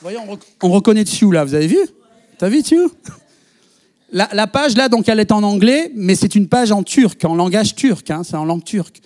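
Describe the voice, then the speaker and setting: A man's voice: high voice, fairly quick. A male pastor preaching to his congregation, telling a story and acting out the dialogue. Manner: animated storyteller, quotes others in dialogue. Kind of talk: sermon with storytelling. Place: church.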